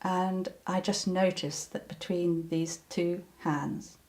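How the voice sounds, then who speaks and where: An older woman with a soft, mellow voice recalls her past in an unhurried interview. She hesitates often, restarts her sentences and fills the gaps with ums. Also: lowish voice, steady tone. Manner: hesitant, many ums and restarts, breaks into laughter. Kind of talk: reflective personal recollection.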